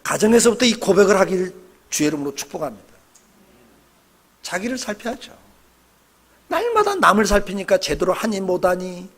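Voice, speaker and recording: A middle-aged male pastor preaching a sermon in a church, emphatic and exhorting, calling on the congregation to respond. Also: high-pitched. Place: church sanctuary.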